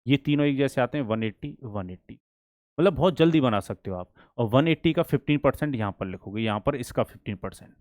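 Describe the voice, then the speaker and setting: A man's voice: mid-range voice, animated, a little mellow, no room sound, clean studio sound. Man teaching an exam maths lesson. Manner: drills students with questions, then answers them himself; reads questions slowly and deliberately.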